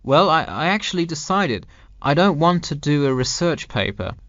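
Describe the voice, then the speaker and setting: A man's voice: a little high, big pitch swings, moderate pace, fairly bright tone, dry recording, dull audio. A man playing a university student in a scripted, carefully enunciated textbook dialogue. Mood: explaining, earnest. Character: male university student discussing his dissertation with an adviser. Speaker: student in a listening-test dialogue.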